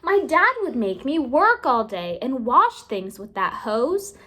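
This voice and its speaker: A woman reading a children's storybook aloud like a teacher, with expressive, deliberate phrasing and drawn-out words. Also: high-pitched. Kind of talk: children's read-aloud narration.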